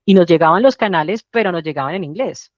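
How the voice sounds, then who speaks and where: A woman with a Colombian Spanish accent, a doctor guest in an interview, telling her story in a lively way with frequent restarts. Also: on the low side, fast talker, dry recording, dull audio. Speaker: guest, general practitioner. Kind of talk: casual interview chat.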